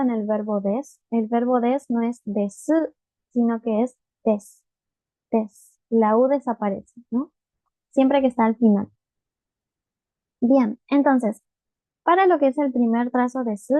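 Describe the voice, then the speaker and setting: Woman teacher, patient, step-by-step, slightly high voice, dry phone-like sound. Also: no room sound. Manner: patient, checks in with students often. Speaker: Japanese teacher. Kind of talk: online writing lesson.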